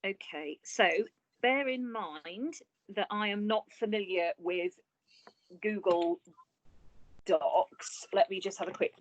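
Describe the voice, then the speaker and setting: A woman's voice: medium pitch, slow, no room sound, highs cut off. A woman business coach on a video call, giving chatty, encouraging, practical advice.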